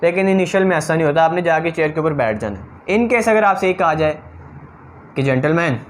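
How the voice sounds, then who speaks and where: A man's voice: fairly high pitch, lively intonation, a little fast, a little hiss or hum. A man giving direct, practical advice to interview candidates in an instructional talk. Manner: direct, advising, talks straight to viewers. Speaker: interview coach.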